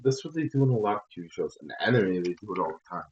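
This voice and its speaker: A man on a podcast with a fairly low voice, ribbing his co-host and cursing casually. The delivery is relaxed, back-and-forth chat. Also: racing, lo-fi sound, slight background noise. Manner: teasing, profane banter.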